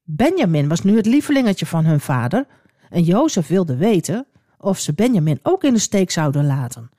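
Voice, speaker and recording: A woman telling a Bible story to children in a gentle, expressive way. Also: on the low side, normal speed, no room sound, clean studio sound.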